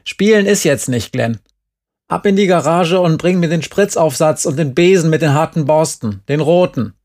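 A man reading aloud and voicing a gruff, middle-aged father who barks orders from scaffolding. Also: a little high, moderate pace, pitched above the performer's own voice, lightly acted. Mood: angry. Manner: shouting.

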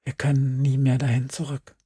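A man voicing an angry, defiant teenage girl who grows agitated and loud. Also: medium pitch, monotone, moderate pace, breathy edge. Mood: whispering. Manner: agitated, rising and shouting.

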